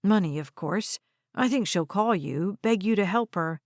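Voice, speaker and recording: A greedy, scheming man, voiced by a woman narrator, smooth and pushy in his speech. It is a dry, close audiobook recording. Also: mid-range voice, lively intonation, normal speed, dry recording, close to an everyday voice. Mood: insistent.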